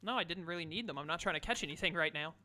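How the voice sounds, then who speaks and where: A man chats and commentates casually while gaming with friends. He talks fast in a bright, slightly high voice. Some noise and keyboard clicking sit behind him. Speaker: gamer streaming with friends.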